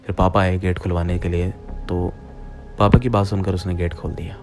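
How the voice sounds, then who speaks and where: A man's voice: low-pitched, level tone, normal speed, vocal fry, over music. A young man narrating a true-style horror story in the first person, speaking directly to his listeners as friends in a plain retelling voice.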